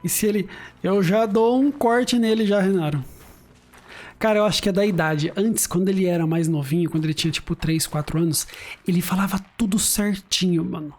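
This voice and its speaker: A gaming streamer with a high-pitched, brisk, slightly mellow voice chats casually while playing a video game at home. His let's-play commentary is full of stories, slang and frequent laughter.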